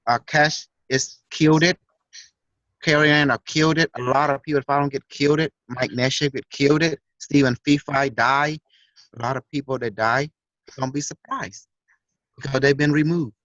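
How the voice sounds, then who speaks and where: A man's voice: medium pitch, fairly even intonation, normal speed, fairly bright tone, no echo, dull audio. A man speaking bluntly and matter-of-factly. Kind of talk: casual talk.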